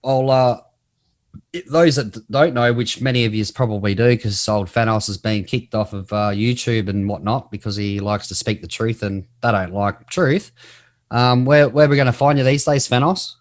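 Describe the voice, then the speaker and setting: A man's voice: mid-range voice, moderate pace. A man hosting a casual discussion in a blunt, colloquial, opinionated way. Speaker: host.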